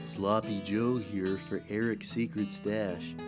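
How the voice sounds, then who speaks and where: A man playing a laid-back, slangy male pitchman reading an ad. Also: level tone, slow. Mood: hustling. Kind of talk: radio-style ad read. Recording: ad read over guitar music. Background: guitar music.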